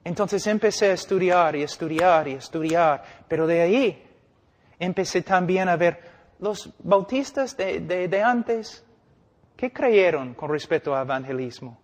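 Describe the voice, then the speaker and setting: An older man delivers an emphatic sermon, pausing for effect and acting out quotes as he preaches. His voice sits fairly high for a man. The recording carries a long reverb, like a big hall. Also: animated. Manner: emphatic, preaching with dramatic pauses and acted-out quotes. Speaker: preacher and missionary.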